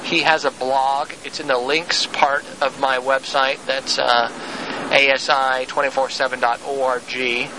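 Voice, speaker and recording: A man's voice: mid-range voice, little pitch movement, unhurried, noisy background. A man hosting his own show, rambling with frequent restarts, recorded on a handheld tape recorder inside a van. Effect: lo-fi cassette tape recorder recording. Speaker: podcast host. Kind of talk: casual solo show monologue.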